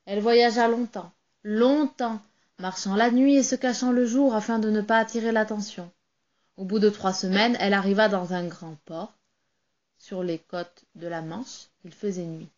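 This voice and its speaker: A woman reading a children's tale aloud in a calm, measured way. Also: mid-range voice, dull audio. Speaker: storyteller.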